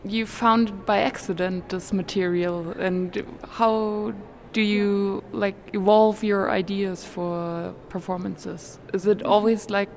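A woman's voice: medium pitch, little pitch movement, takes it slowly, few pauses, slight background noise. A woman interviewing an artist, asking curious questions and rephrasing them.

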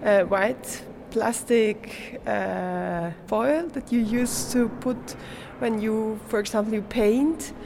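Her voice is a little high and creaky, slow yet with few pauses, with background noise behind it. The speaker, a young Swiss art student whose first language is German, answers questions in English hesitantly, laughing frequently as she looks for the right words.

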